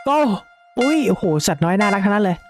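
An excitable young man talks through a video game in a loose, casual way, full of exclamations and jokes. Faint game music plays quietly underneath his voice. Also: high-pitched, fast talker. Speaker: gaming video creator.

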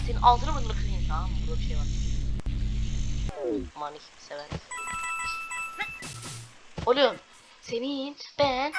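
A woman hosting a let's play, grumbling and complaining in a casual, exasperated way while she plays. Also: medium pitch. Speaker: gaming video host. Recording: loud background game music.

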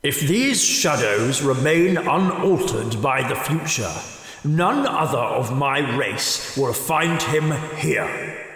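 A man's voice: medium pitch, lively intonation, slow pace, fairly bright tone. A man voicing a stern, solemn ghost in an audio drama, declamatory and grave with archaic phrasing. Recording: cavernous long reverb.

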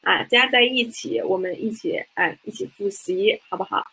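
Patient woman teacher, bright husky voice, repeats every example, slips into English to explain. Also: medium pitch, moderate pace, low-quality recording. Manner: patient, repeats each example, frequent "hai" fillers. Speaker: Chinese teacher. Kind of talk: online language lesson.

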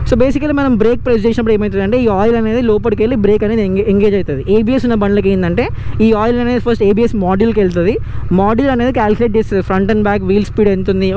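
Fast-talking young man explaining while riding. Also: high-pitched, dark tone, slight background noise. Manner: fast, explanatory, mixing in English. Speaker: motovlogger. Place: outdoors on a moving motorcycle, road noise. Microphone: lapel mic on the rider.

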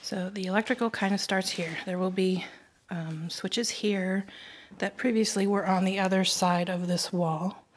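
A middle-aged homestead vlogger gives a casual renovation update from her indoor kitchen, pointing things out with frequent ums. She films on a handheld phone at arm's length. Her voice is mid-range, steady, and a little slow.

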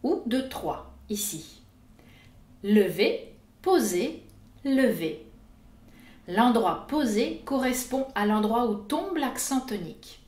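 A woman narrating an educational video as host, with a clear, didactic delivery. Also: on the high side, expressive, unhurried, a little mellow, reverberant. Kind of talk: scripted explanatory narration.

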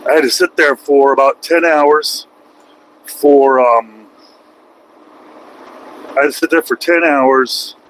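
A man's voice: fairly high pitch, fairly even intonation, takes it slowly, pauses often, a bit bright, poor audio. A man in his forties with an American accent, a truck driver vlogging from his cab at night, rambling and joking at his own expense. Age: 40s. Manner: rambling, self-mocking, joking. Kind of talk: casual vlog monologue while driving. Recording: faint road and engine noise.

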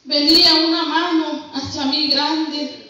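High, bright woman in echoey church. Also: steady tone, heavy background noise. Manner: halting, repetitive storytelling with restarts. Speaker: church member giving testimony. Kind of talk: personal religious testimony. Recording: very echoey room, mic far off.

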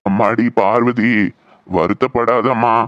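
Guy doing a calm old grandpa for a cartoon, slow soothing talk, a bit muffled. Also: fairly low pitch, no room sound. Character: gentle old village grandfather. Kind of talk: cartoon voice acting.

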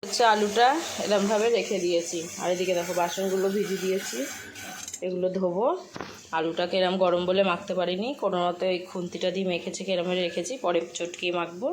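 A woman's voice: fairly low pitch, flat delivery, noisy background. A young woman narrating her cooking and housework to viewers in a casual, chatty way, recorded at home on a phone. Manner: chatty, talks straight to viewers with quick asides. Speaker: homemaker vlogger. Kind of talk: casual cooking and chores vlog. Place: home kitchen.

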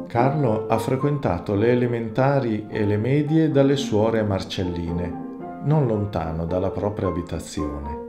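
A man giving calm, measured scripted narration for a film. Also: lowish voice. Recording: roomy narration over guitar music.

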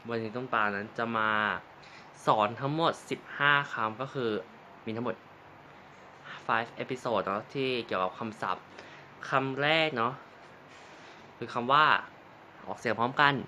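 Young male vlogger-teacher, crisp bright tone, repeats each word loudly, light background noise. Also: mid-range voice. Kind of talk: casual vocabulary lesson.

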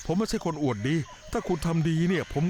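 A man's voice: fairly high pitch, animated, fast, a little mellow, slight background noise, lightly acted. A man dubbing a touchy, argumentative man who demands thanks and bristles when blamed, in a Thai dub of a TV drama. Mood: defensive. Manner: indignant, quarrelsome. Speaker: dubbing actor.

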